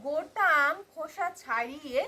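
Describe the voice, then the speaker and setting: Bright, high-voiced young woman vlogging. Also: normal speed. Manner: lively, addresses viewers as friends. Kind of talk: chatty rooftop vlog to viewers. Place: sunny rooftop outdoors.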